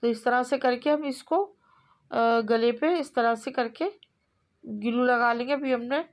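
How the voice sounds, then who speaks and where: Lady talking thru a sewing tutorial, bit high voice, easygoing and repetitive. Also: measured pace. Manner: relaxed, repetitive, hesitant with fillers. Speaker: sewing instructor. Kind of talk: step-by-step tailoring tutorial.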